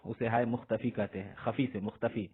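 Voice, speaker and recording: A man teaching a grammar lesson in a patient, repetitive way. He asks a question and answers it himself. His voice is husky and comes through a thin, phone-like recording. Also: on the low side, steady tone. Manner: asks questions and answers them himself, repeating words slowly. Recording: husky voice on tinny phone-like audio.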